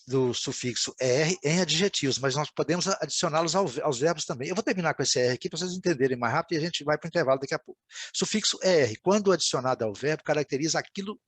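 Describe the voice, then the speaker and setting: A man's voice: a little high, no room sound. A man teaching an English lesson in a video class, explaining words patiently and often checking in with his students.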